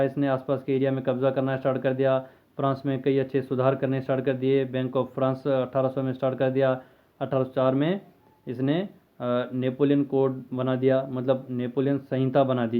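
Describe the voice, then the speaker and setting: A man at an ordinary middle pitch talks through a history lesson, posing questions to the class and answering them himself. The sound is thin and narrow, like a phone line. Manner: conversational, asks and answers his own questions. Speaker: teacher. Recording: tinny phone-like lo-fi audio.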